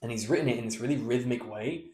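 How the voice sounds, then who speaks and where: A man coaching verse speaking, explaining meter and stress and breaking into hushed read-aloud examples. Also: mid-range voice, echoey room. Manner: breaks into slow, hushed recitation to demonstrate; chanting rhythm syllables to show meter. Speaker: voice and speech coach.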